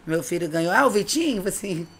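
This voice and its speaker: A woman, chatting casually and telling lively stories, acting out dialogue as she goes. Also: lowish voice, very fast, a little hiss or hum. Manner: animated storyteller, acts out dialogue. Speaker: podcast guest, police officer. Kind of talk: casual chat.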